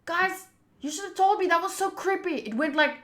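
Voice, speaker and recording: Her voice is extremely high and a bit bright, delivered at normal speed in a roomy-sounding space. This woman is livestreaming a visual novel, making informal chat as she thinks aloud or reads the game's lines.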